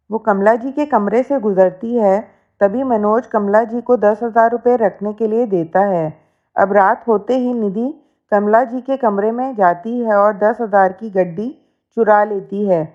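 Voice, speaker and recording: A woman telling a family story as narrator, in a steady, plain storytelling manner. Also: mid-range voice, unhurried. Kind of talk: scripted narration. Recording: dull lo-fi recording.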